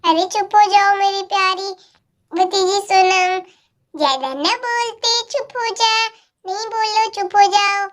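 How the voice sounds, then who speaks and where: Brief: a woman doing a jumpy village aunt in a doll story, very high voice, defensive and boastful. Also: takes it slowly. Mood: flustered. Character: flustered village aunt doll, easily scared. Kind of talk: doll story role-play.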